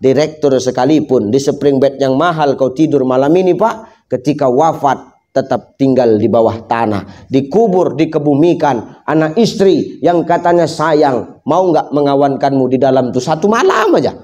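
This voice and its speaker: A man's voice: mid-range voice, lively intonation, moderate pace, dark tone, lo-fi sound. A man preaching a humorous sermon, joking and speaking straight to the audience. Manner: jokey, addresses the audience directly.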